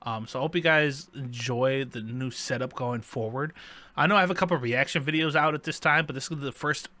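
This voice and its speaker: A man's voice: mid-range voice, brisk, bright, forceful tone. A man hosting a casual chat show, rambling and repeating himself, with playful mock excuses. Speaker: podcast host.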